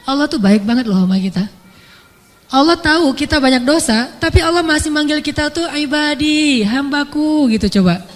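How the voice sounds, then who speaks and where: A woman preaching a casual, conversational sermon, telling stories and acting out dialogue with shifting pitch. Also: moderate pace. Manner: lively storytelling, acts out dialogue with shifting pitch. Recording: echoey hall with music behind.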